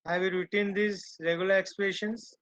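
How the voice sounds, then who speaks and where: High-voiced slow teacher. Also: male voice, flat delivery, fairly bright tone, dry recording. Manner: slow and deliberate, switching between Hindi and English, scolding the students. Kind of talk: online class lecture. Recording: dull lo-fi online call audio.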